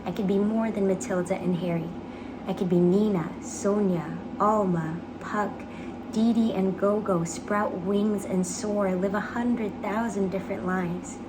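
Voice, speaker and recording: A young woman giving an earnest, measured dramatic reading of a personal essay, phrasing it carefully. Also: mid-range voice, steady tone. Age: young adult. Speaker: actor reading own application essay. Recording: clearly noisy background ambience.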